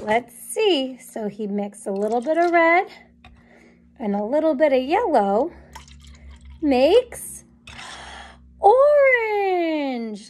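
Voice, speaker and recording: Story time in a small indoor playroom or classroom: a woman in her thirties reads a picture book to young children, unhurried and very lively. Her high voice carries a sing-song, encouraging tone, with pauses around the questions she poses.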